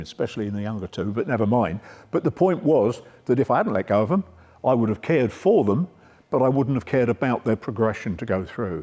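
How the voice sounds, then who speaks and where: A man's voice: fairly low pitch, dark tone. Man lecturing coaches in an echoing hall. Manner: conversational, checks in with "yeah?". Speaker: sport psychology speaker. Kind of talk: coaching workshop talk. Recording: reverberant lecture room.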